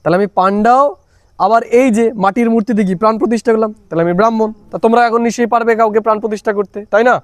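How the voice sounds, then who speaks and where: A man's voice: high voice, steady tone, very fast, dry recording. A man teaching a spiritual class, coaxing listeners again and again to speak up and answer. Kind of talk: leading a spiritual class with questions.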